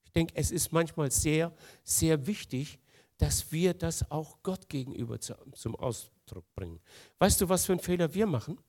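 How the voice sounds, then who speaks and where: Male preacher, slightly high voice, earnest, shifts from hushed to emphatic. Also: expressive, moderate pace. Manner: earnest, swings between soft and emphatic. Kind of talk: sermon.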